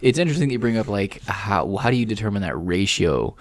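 A man co-hosting a casual podcast, telling rambling, animated stories. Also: lowish voice, fast talker. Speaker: podcast co-host. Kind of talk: casual chat.

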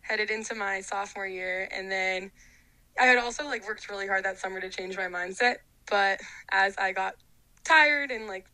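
A woman's voice: mid-range voice, moderate pace, bright, forceful tone, no room sound, poor audio. A young woman, a college athlete, talking casually and reflectively in an interview, with lots of fillers. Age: young adult. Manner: reflective, chatty, many fillers.

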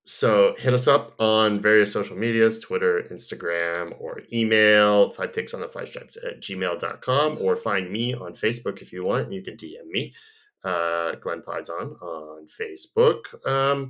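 A man's voice: fairly low pitch, fairly bright tone. A man hosting a casual podcast, chatting in an easygoing, rambling way and reading a sponsor spot. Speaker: podcast host. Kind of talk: casual chat and live ad read.

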